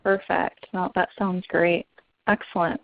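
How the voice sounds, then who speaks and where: A woman's voice: on the low side, level tone, unhurried, creaky, no room sound. An upbeat woman hosts a webinar interview in a casual, encouraging way. The audio is dry and a little muffled, like a web call. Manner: upbeat and encouraging, with frequent fillers. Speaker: webinar host.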